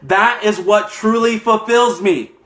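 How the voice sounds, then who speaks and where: A man's voice: high-pitched, a little slow, fairly bright tone. A young man giving a fired-up motivational talk as a network marketing coach, emphatic and a little out of breath, often tagging lines with "okay?". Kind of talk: motivational live stream talk.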